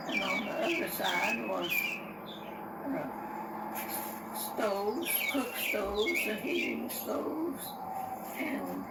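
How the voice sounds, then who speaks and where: Very old woman, slow and creaky, noisy recording. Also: medium pitch. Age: very old, over 100. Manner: very old woman's slow, halting recollection in short phrases. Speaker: interviewee recalling childhood. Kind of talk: unscripted reminiscence. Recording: roomy, distant, noisy with birdsong.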